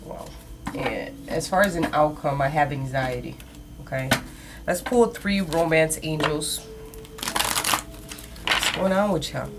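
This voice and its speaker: Female tarot reader, lower register, casual and direct mystical horoscope delivery, prominent music underneath. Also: a little slow, long pauses, background noise. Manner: casual, conversational, addressing listeners directly. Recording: loud background music. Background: music, shuffling cards.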